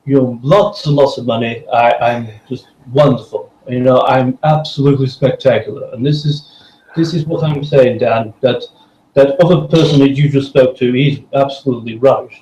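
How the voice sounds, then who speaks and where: A man's voice: medium pitch, fairly even intonation, normal speed, dark tone, roomy sound, lo-fi sound, a little hiss or hum, close to an everyday voice. A man putting on a bragging American show-off. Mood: boastful. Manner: bragging, overblown confidence. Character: boastful, self-adoring American man.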